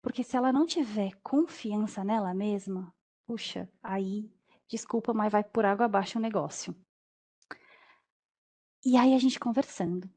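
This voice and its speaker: A young adult woman speaks as a language teacher in an interview, recounting a personal story. She tells it with energy and acts out the back-and-forth, slipping into quoted voices at a medium pitch. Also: normal speed, dark tone.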